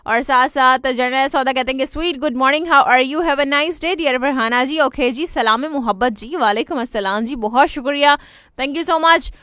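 A woman hosts a live radio show, reading listener messages with warm greetings, giggles and English phrases mixed in. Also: high-pitched, normal speed, clear, resonant tone, dry recording, studio quality. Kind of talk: casual live radio chat.

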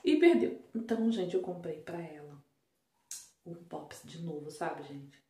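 A Brazilian woman talking softly and quietly to viewers in a casual home vlog, filmed on a phone indoors. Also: low voice, expressive, measured pace. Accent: Brazilian Portuguese. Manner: speaking softly and hushed, chatty asides to viewers. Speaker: home vlogger. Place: indoors at home, bedroom and bathroom.

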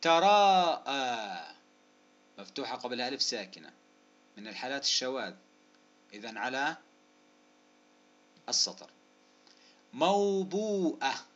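A male teacher giving a recorded spelling lesson, drawing out each example word slowly, then explaining the rule briskly and asking and answering his own questions. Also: mid-range voice, pushed and bright. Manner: addresses listeners as dear loved ones, asks and answers his own questions. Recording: dull lo-fi recording.

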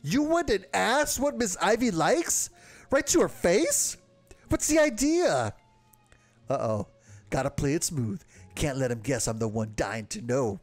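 A man's voice: on the high side, lively intonation, measured pace, faint music behind, voice pushed up. Man voicing a flustered lovesick village guard, Manny. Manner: flustered, blurting then covering up. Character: lovesick nervous young male village guard. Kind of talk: reading game dialogue aloud.

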